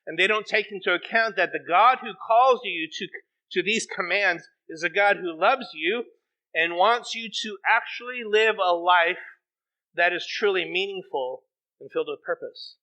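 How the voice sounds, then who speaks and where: A middle-aged man preaching a sermon as pastor, animated and acting out quoted voices. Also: high voice, moderate pace, dull audio. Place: church sanctuary.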